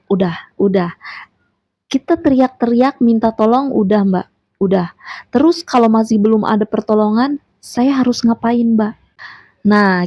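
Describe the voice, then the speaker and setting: A woman's voice: mid-range voice, no room sound, highs cut off. A woman, giving a motivational monologue and coaching the listener with direct questions. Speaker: motivational speaker.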